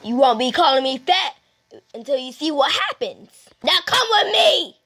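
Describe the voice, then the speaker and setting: A woman's voice: sits high, big pitch swings, normal speed, fairly bright tone, voice pushed down, full character voice. A woman voicing a stern, bossy puppet judge who gives curt orders. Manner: curt, commanding. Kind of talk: puppet comedy.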